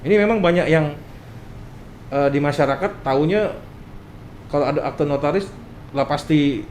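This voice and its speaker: A man's voice: fairly high pitch, normal speed, a little mellow. A man with a Palembang accent explaining things conversationally as a notary guest, often checking back with his listener, slightly muffled through a face mask. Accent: Palembang, South Sumatra. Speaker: guest notary, association chairman. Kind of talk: casual explanatory interview talk. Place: indoor office room. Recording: echoey room with faint noise.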